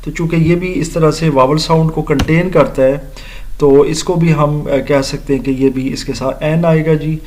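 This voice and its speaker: A man teaching an English grammar lesson, explaining slowly, spelling out letters and repeating words for his students. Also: fairly high pitch, steady tone, a little mellow, a little hiss or hum. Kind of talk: recorded grammar lecture.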